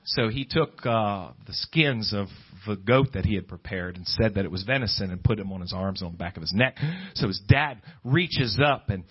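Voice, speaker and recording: In a fairly low, expressive, slightly rough voice at a moderate pace, a man gives an emphatic, improvised sermon in a conversational tone. He fires off rhetorical questions and quotes scripture and imagined objectors. The recording is dull and lo-fi.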